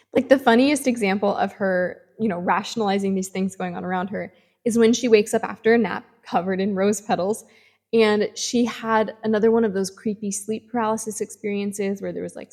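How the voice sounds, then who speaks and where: A woman chats through a spooky novel's plot in a lively, storytelling way, speeding up and slowing down for effect. She often drops in casual fillers as she goes. Her pitch sits in a middling range for a woman. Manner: animated storytelling, tempo swings, frequent "like". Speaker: book reviewer. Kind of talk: casual book review vlog.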